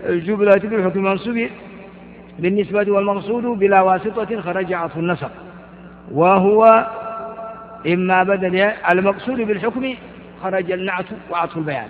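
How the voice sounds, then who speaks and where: An older man teaching grammar in a fairly high voice. He reads from a text, then explains it by repeating examples and asking "why?" The recording sounds tinny like a phone line and has a long hall echo. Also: brisk, pauses often, a little hiss or hum.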